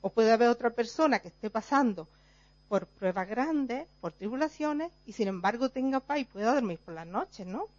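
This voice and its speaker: A woman's voice: on the high side, expressive, normal speed, no room sound. Woman, constantly checking "right?". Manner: explains step by step, tagging nearly every phrase with a questioning "right?"; acts out everyday examples to illustrate. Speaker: teacher speaking to a group. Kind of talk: informal talk to a group. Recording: dull, dry, lo-fi recording.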